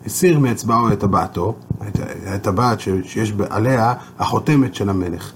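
A man teaching a Torah lesson, explaining and telling a story in a steady way. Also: fairly low pitch, slight background noise.

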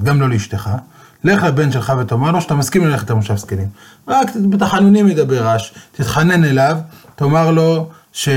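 A man voicing a wise, calm old rabbi who confides a plan, in a lower husky voice. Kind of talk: storytelling.

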